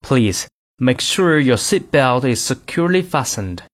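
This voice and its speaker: A man reading scripted in-flight cabin announcements in a formal, measured announcer manner. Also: medium pitch, big pitch swings.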